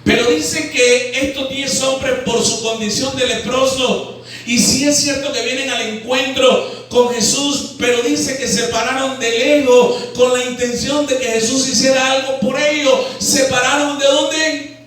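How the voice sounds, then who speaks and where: A Nicaraguan man preaches in a high, carrying voice, often turning to ask his congregation questions. His voice rings through a very echoey hall and is picked up from some distance off the mic. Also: fairly even intonation, measured pace, a bit bright. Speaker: pastor. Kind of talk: sermon. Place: church hall.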